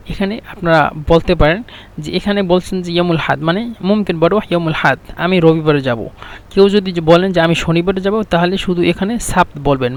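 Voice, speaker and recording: Bengali man slowly drilling Arabic phrases. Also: high-pitched. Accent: Bangladeshi Bengali. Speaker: Arabic teacher. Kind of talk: explaining a language lesson.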